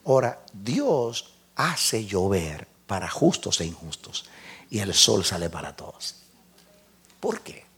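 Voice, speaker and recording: A male preacher delivers an animated sermon, swinging between loud exclamations and hushed asides and acting out his talks with God. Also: lowish voice, slow, husky. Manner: acts out conversations with God.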